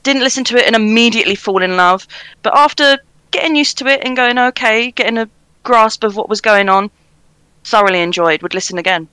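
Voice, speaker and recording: A woman's voice: fairly high pitch, a little fast, sharp tone, smooth, no room sound, rough recording. A woman giving a casual album review, giggly with many ums. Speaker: panelist reviewer.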